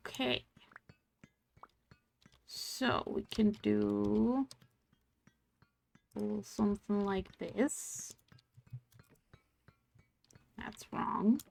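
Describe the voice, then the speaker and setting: Speaking English in a mixed, hard-to-place accent, a German streamer with a gravelly voice chats casually to viewers during a game. She talks slowly, thinking aloud and murmuring low-energy through each task. Faint, soft music sits behind her.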